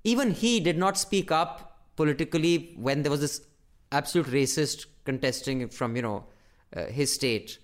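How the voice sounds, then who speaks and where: A man's voice: on the high side, normal speed. A man with a North Indian accent chatting casually and emphatically as a podcast co-host, swearing freely. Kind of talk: casual opinionated chat.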